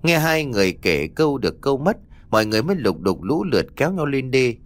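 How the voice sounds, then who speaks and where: A man's voice: medium pitch, very animated, quick pace, no room sound. A man narrating a ghost story with dramatic storytelling.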